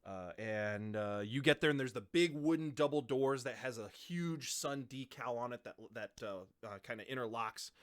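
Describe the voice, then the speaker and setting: Bright-voiced young man as game master. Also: medium pitch, normal speed, few pauses, no echo, studio quality. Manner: rambling, with many fillers. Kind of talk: narrating a tabletop game.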